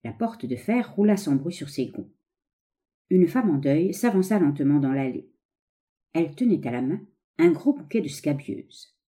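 A woman reads a story aloud as an audiobook narrator, measured and expressive. Her voice is low-pitched and very dark, mellow and warm in tone.

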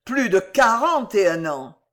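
A reader voicing a choleric old man who shouts in fits of rage, in an audiobook. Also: medium pitch, very animated, normal speed, lightly acted. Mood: furious. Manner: loud and barking. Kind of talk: audiobook character voice.

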